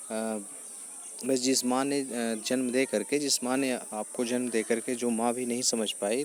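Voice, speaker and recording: A man teaching a Hindi poem. He recites verse lines slowly and then explains them at length, often repeating himself and pausing with fillers. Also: mid-range voice, slight background noise.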